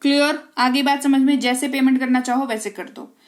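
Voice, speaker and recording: Woman english teacher, high voice, goes slow on the example lines, keeps asking if it's clear. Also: steady tone. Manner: frequent check-ins with the class. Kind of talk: explaining sample English dialogues in Hindi.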